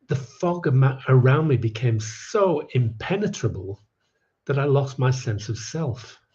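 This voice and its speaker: A man telling a personal story in a warm, mellow voice, now and then turning wry and poking fun at himself. His voice sits in the middle range. The recording sounds slightly dull and lo-fi. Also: mid-range voice, lively intonation, measured pace. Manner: wry, self-mocking asides.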